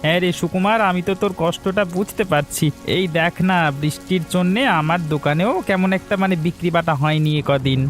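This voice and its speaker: A man's voice: sits high, brisk, few pauses, soft background music, close to an everyday voice. A man voicing a sly, scheming village shopkeeper in a cartoon, grumbling and crafty. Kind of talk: Bengali cartoon voice acting.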